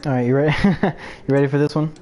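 A man's voice: fairly high pitch, quick pace, a little mellow. A young man in casual podcast chat about games, speaking bluntly and with strong opinions. He swears offhandedly now and then. Light background hiss runs under the voice. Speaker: podcast co-host.

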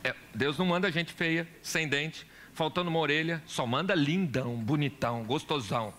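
A man's voice: fairly high pitch, normal speed, fairly bright tone. A man preaching a sermon in church as pastor, asking the congregation questions and telling stories. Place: church hall.

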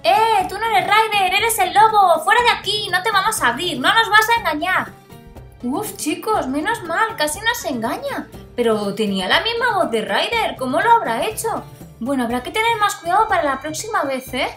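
A woman voicing excitable, anxious little boy puppies in a toy-play story for children. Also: very high-pitched, normal speed, heavily acted. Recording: roomy echo, music behind.

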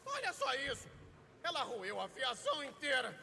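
Cranky, high-pitched Brazilian raccoon mechanic. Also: male voice, huge pitch swings, moderate pace, creaky, sharp tone, in a large hall, exaggerated voice. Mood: indignant, griping. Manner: griping, sarcastic. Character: cranky, sarcastic, money-loving male raccoon mechanic. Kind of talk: Brazilian game dub.

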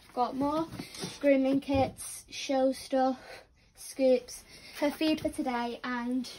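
A woman's voice: high-pitched, fairly even intonation, takes it slowly, mellow, rough recording. A young woman giving a casual tour of a horse barn, chatty and rambling, filmed on a phone. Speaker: vlogger showing her barn. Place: outdoor horse barn and stables. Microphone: phone camera held nearby. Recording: phone video with background noise.

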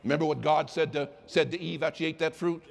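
A male pastor preaching a sermon, swinging from quiet asides to impassioned shouts. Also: a little high, steady tone, fast, vocal fry.

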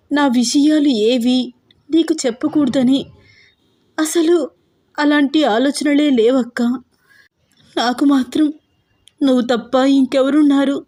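A woman's voice: high-pitched, mellow, voice pushed up. A woman voicing a young medical student, an anxious younger sister who soothes her sibling through tears in a storybook reading. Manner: crying, soothing.

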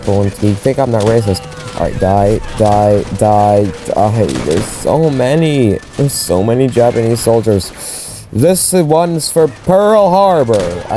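A man giving let's-play commentary over his game. His pitch swings widely as he rambles, cracks jokes and chants taunts at enemies. Game music runs underneath. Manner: joking, rambling, yells repeated taunts at enemies. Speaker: gamer playing a war shooter. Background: game soundtrack and gunfire.

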